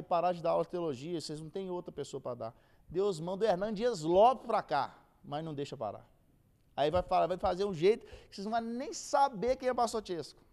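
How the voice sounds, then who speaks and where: In a high voice with a darkish tone, a Brazilian-accented man teaches an informal church Bible lesson. As a theology teacher, he performs the quoted lines using everyday slang.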